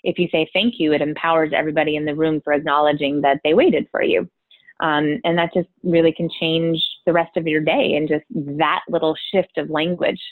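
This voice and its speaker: Low-voiced woman on a tinny line. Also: fairly even intonation, fairly quick, no echo. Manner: explanatory, often adds "right?". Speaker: drama therapist guest. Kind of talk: conversational podcast interview. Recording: phone-like dry line.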